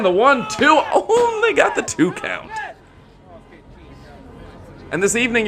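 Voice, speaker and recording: High-pitched man calling lucha libre wrestling. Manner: hyped promotional announcing with dramatic exclamations. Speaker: wrestling commentator.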